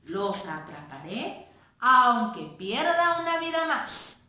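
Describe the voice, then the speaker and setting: A woman's voice: fairly high pitch, big pitch swings, slow pace, bright, forceful tone, heavily acted. Woman doing a boastful sly cat. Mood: scheming. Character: boastful scheming house cat. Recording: echoey room.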